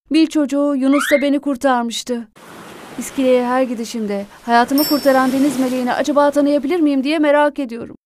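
A woman's voice: high voice, a little hiss or hum. A woman narrating a first-person true story in an earnest, dramatic reading voice.

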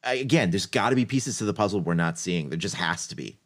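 A man's voice: low-pitched, animated, fast talker, a bit bright. A man co-hosting a casual gaming podcast, talking things through with hedges and frequent laughs. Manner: thoughtful, hedging, laughs often.

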